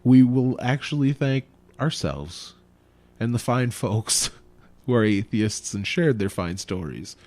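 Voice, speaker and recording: A young adult man co-hosts a podcast, joking, swearing and laughing a lot in casual chat. His mid-range voice is expressive and slow, with a darkish tone.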